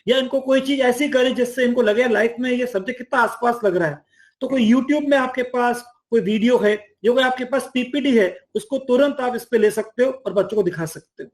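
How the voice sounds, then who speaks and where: A man explaining an online teaching platform in a lively conversational way, often acting out teachers and students. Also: extremely high pitch, brisk. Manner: enthusiastic, acts out teacher and student lines. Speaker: education platform mentor.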